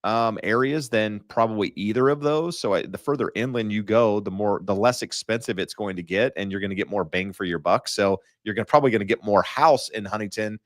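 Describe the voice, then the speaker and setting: A man's voice: lowish voice, a little fast, few pauses, no room sound, clean studio sound. A man hosting a real estate talk show, chatting loosely with many fillers and restarts. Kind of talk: casual market talk.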